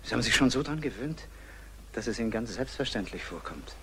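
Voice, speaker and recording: An actor playing a charming male painter who courts a young woman, with a soft, persuasive manner, in old German film acting. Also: medium pitch, lively intonation, fairly quick, a little hiss or hum.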